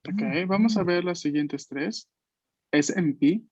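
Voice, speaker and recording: A language teacher with a slightly raised, high voice that is a little mellow with a breathy edge teaches a class over a video call. He patiently explains each point slowly, checks in with listeners as he goes, and often tags phrases with "¿no?". The sound is dry and a little dull, without any room echo.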